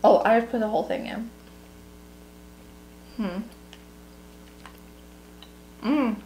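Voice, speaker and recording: A woman's voice: on the high side, takes it slowly, warm tone. A young American woman talking with a mouthful of candy in a casual, giggly snack-tasting chat. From United States. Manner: chatty, giggly. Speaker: co-host. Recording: echoey room with faint hum.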